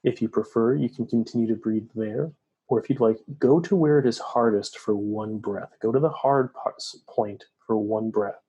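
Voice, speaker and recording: Male meditation guide, mellow and breathy, calm soothing delivery. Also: fairly low pitch, lo-fi sound. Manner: slow, soft, soothing instructions.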